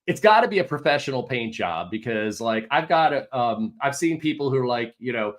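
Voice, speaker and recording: A man hosting a casual livestream Q&A as a real estate agent, telling animated stories and swearing mildly. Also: mid-range voice, a little fast. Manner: chatty, animated storytelling with mild swearing.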